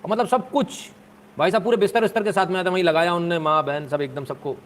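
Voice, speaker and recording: Joking guy chatting on a live stream, slightly higher voice, a little background noise. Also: quick pace. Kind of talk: casual live stream chat.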